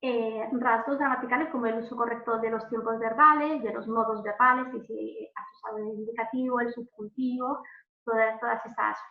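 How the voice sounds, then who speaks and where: A woman's voice: fairly high pitch, fairly even intonation, brisk. A woman from Spain, giving an informal online lesson as a language examiner, chatty, with many fillers and restarts. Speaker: language proficiency examiner and teacher. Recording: phone-like audio in an echoey room.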